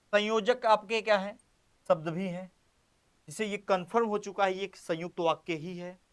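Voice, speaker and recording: High-voiced male teacher, playful. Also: fairly even intonation, clear, resonant tone. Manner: repeats words slowly while writing on board; playful, addresses students directly. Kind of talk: classroom grammar lesson.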